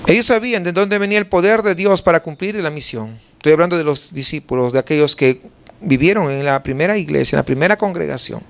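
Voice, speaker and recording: High-voiced Mexican pastor preaching. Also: male voice, fast talker, creaky. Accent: Mexican Spanish. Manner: rhetorical questions answered himself, emphatic preaching. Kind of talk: sermon.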